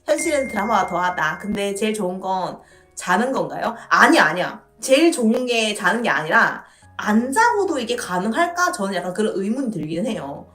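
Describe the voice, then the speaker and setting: Lively, playful woman in a roomy echo. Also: medium pitch, a little fast. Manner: playful, chatty, often laughing and acting out quoted lines. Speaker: dating advice streamer. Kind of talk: casual live-stream advice chat. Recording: roomy echo with faint music behind.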